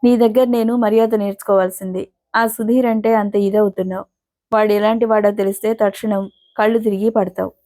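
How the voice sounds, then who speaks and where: A man's voice: high voice, level tone, fairly quick, darkish tone. A woman voicing a jealous, angry young man who scolds and sneers, in a storybook reading. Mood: accusing. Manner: bitter, accusing, sneering.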